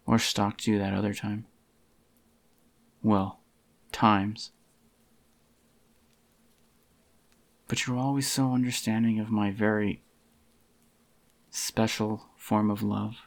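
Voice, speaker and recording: In a soft-spoken ASMR roleplay, a man plays a possessive yandere boyfriend who murmurs tenderly to his sweetheart. His voice sits fairly low, husky and slightly groggy, with a crackly vocal fry. He comes across as intimate and doting, as though soothing her.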